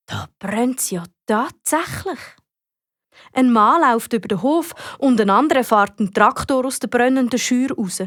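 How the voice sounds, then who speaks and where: A woman with a Swiss German accent narrating a children's audiobook in a lively, expressive way. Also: on the high side, no echo, clean studio sound. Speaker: storyteller.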